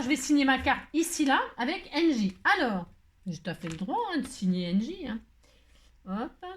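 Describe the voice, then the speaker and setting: Joking around while she crafts, a female craft video host runs a casual, playful tutorial packed with chatter and filler tags. She has a mid-range voice, and the recording carries a little hiss or hum.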